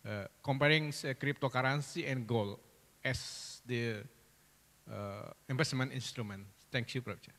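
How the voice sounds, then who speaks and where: A man's voice: mid-range voice, a bit bright. Hesitant male questioner in a hall. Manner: hesitant, many filler pauses. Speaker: audience member asking a question. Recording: reverberant hall.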